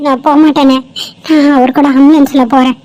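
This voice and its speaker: A woman's voice: high-pitched, flat delivery, a little fast, mellow, dull audio, lightly acted. A woman voicing a kind young woman who earnestly pleads to help an injured stranger. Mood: pleading.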